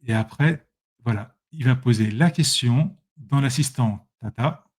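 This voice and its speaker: A man's voice: mid-range voice, a little slow, darkish tone. Male presenter, casual screen-share tutorial, chatty and self-correcting, addresses viewers directly. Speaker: presenter demonstrating software.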